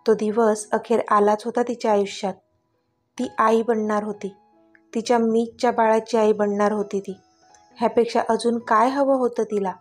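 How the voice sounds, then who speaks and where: Woman reading a love story episode, kinda high voice, gentle, faint music under it. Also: steady tone, normal speed. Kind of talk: serial story narration. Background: faint background music.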